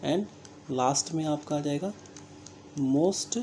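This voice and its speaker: A teacher with an Indian English accent explaining English grammar step by step, talking slowly and deliberately, spelling words out letter by letter and often checking understanding. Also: medium pitch, dark tone, slight background noise. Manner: slow, deliberate, checks understanding with frequent "theek hai". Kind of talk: recorded classroom-style grammar lesson.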